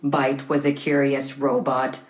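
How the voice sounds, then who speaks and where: An AI voice assistant with a woman's voice doing a slow, dramatic robotic delivery as it tells a bedtime story. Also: extremely low pitch, flat delivery, roomy sound, voice pushed down.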